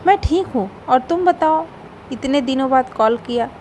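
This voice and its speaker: A woman's voice: high-pitched, lively intonation, moderate pace, a little mellow, a little hiss or hum. A woman voicing a sly, newly married young wife who shifts blame onto others. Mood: chatty. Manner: pleading, two-faced.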